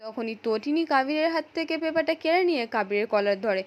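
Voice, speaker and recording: A woman with a high, light voice reads out a television serial's plot as a scripted recap. Her delivery stays steady and even throughout, like someone reading from a prepared text. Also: brisk.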